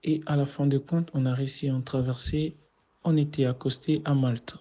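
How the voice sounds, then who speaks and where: A man's voice: medium pitch, little pitch movement, a little fast, dark tone. A man with a Congolese accent giving a personal testimony as a guest speaker. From Democratic Republic of Congo. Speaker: guest speaker telling his story.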